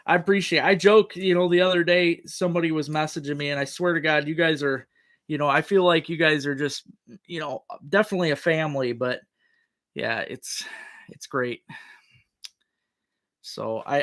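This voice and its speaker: Bright-voiced man chatting casually on livestream. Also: a little high. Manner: folksy, rambling. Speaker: livestream host. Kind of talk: casual chat with viewers.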